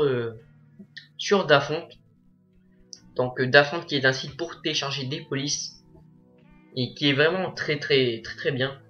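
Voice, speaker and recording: A teenage boy narrating a software tutorial as a voice-over, hesitant and full of filler sounds. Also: on the high side. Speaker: tutorial maker.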